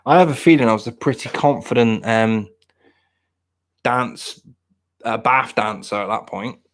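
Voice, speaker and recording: Here a man in his thirties hosts a podcast, keeping things casual as he rambles, makes fun of himself, and keeps restarting. He speaks at medium pitch and a measured pace.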